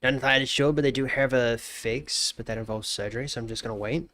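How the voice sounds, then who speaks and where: This fast-talking young man, in his twenties and stuffed up, keeps a fairly even mid-range intonation as he jokes casually on stream and warmly greets chat. Mumbles often swallow the ends of his lines, and there's no echo.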